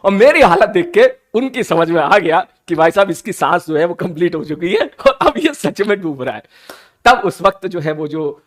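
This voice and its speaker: A man, telling a funny personal story in a playful, animated, teasing way, like a teacher chatting with his class. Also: high-pitched, moderate pace. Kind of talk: casual storytelling.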